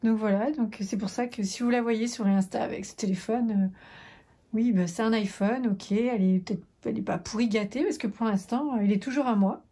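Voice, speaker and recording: A woman's voice: fairly high pitch, a little fast, warm tone, slightly rough. A woman, the mother on a family vlog, chatting casually, teasing and using many fillers. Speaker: mother of the vlogger, co-host. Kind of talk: casual home video chat.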